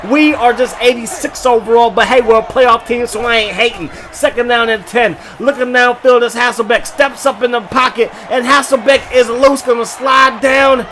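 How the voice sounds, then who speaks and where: High, bright-voiced man calling a football video game. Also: normal speed, hardly any pauses, a little hiss or hum. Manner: animated, joking, often bursts into shouts. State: short of breath at times. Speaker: gaming YouTuber. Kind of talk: play-by-play commentary over a football video game.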